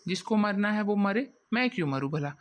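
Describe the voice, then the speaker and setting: A woman voicing a stingy, grumpy village husband in a cartoon, gruff and dismissive. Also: mid-range voice, animated, brisk, lightly acted. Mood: grumbling. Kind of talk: cartoon voice acting. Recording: dull lo-fi dry audio.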